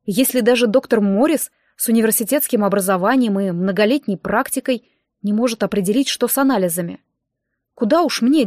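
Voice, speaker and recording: A woman's voice: on the high side, darkish tone, no room sound. Woman narrating an audiobook, dry sound. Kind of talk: first-person audiobook narration.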